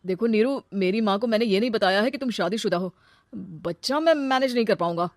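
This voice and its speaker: A woman voicing a smooth-talking young man who turns cold and selfish, in a cartoon story. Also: medium pitch, brisk, heavy background noise, lightly acted. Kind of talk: cartoon voice acting.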